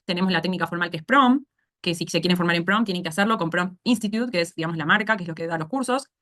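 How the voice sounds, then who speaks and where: A woman's voice: on the low side, quick pace, a bit bright. A woman with a Rioplatense Spanish accent lecturing as a speech therapy instructor in an online course, explaining things step by step and often checking in with "¿sí?". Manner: explanatory, asks "¿sí?" to check understanding.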